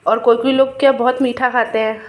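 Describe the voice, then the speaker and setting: A middle-aged woman talks through a recipe in her kitchen video, her voice pitched a little high and roughened by a sore throat. She speaks casually and chattily, calling viewers friends and explaining each step. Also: flat delivery, brisk, background noise. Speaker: cooking video host. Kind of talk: casual cooking demonstration.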